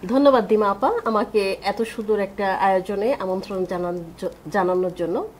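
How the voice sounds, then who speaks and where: A woman speaks formally as a talk show guest. Her pitch is average for a woman, and a light layer of noise sits behind her. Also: steady tone, normal speed, darkish tone. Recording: faint background noise.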